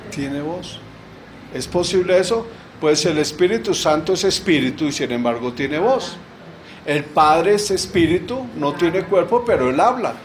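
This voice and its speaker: A man's voice: on the high side, expressive, measured pace, low-quality recording. A middle-aged man preaching a sermon in a church, asking rhetorical questions and answering them with emphasis.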